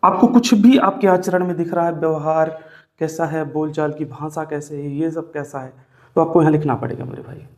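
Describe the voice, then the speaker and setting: This grammar teacher's voice leans high and a little mellow, moving at a moderate pace. He dictates notes like a classroom lesson, mixes in English terms, and keeps coaxing his viewers, addressing them as brother and sir, with repeated questions and reminders to write things down.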